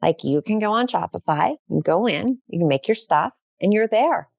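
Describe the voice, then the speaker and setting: A woman's voice: mid-range voice, animated, normal speed, vocal fry, darkish tone, slightly rough, dry recording, lo-fi sound. A middle-aged woman talking as a guest in a casual podcast interview, enthusiastic and effusive, rambling with fillers.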